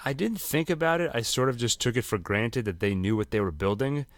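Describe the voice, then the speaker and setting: A man's voice: medium pitch, lively intonation, a little fast, no echo. A man co-hosting a podcast, casually recapping and explaining an episode's plot at length. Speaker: podcast co-host.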